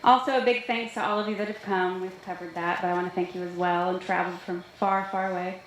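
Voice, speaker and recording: A woman's voice: fairly low pitch, steady tone, fast, a bit bright. A woman from Nashville giving an informal, chatty wedding toast as the bride's sister, with joking anecdotes. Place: large reverberant room at a wedding reception. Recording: very echoey hall, faint noise.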